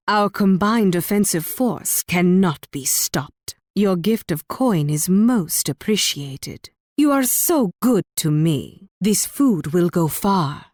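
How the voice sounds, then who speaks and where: A proud Spanish queen at war for a video game. She speaks with regal, measured authority and slips into teasing, coaxing flirtation. Her voice sits at a medium pitch in a dry, studio-like sound. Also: darkish tone, dry recording. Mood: grateful, flattering.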